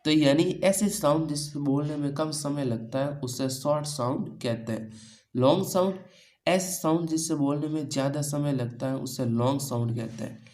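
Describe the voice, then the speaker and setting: A man's voice: fairly high pitch, normal speed, darkish tone, low-quality recording. A man teaching pronunciation in a coaching-class lesson, asking questions and answering them himself. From India. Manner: repeats key points as questions to students. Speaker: English teacher.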